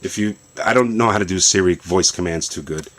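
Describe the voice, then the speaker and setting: Low-voiced man demoing tech gear. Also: brisk. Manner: relaxed, explanatory, loosely rambling. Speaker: tech vlogger demonstrating a phone setup. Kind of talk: casual product demo. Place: home basement.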